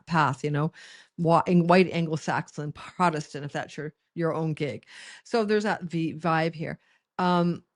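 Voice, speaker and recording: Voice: mid-range voice, no echo, clean studio sound. An astrologer giving a forecast monologue in a rambling, conversational way, with frequent restarts and asides.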